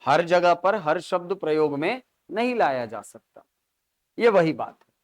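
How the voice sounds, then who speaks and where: A man's voice: fairly high pitch, sing-song, unhurried, no echo, clean studio sound. A man teaching grammar in a live coaching class, explaining through examples and constantly checking in with his students.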